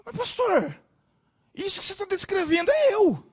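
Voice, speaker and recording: Timid young woman with low self-esteem, soft and pleading, put on by a male preacher. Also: big pitch swings, moderate pace. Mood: hopeful.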